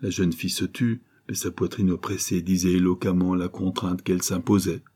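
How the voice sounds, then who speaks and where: A man narrating a nineteenth-century novel aloud in a dramatic, measured reading. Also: deep voice, little pitch movement, dark tone, slightly rough. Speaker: audiobook narrator. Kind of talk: literary narration.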